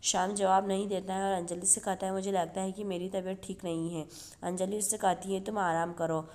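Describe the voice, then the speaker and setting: A woman reads a TV episode recap for her channel in a mellow, soft-edged voice. Her pitch stays flat and level. She reads the characters' lines in her own voice instead of acting them. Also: brisk. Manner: steady read-through, reads quoted dialogue in her own voice. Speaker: YouTube channel host. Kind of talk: reading a TV serial episode recap.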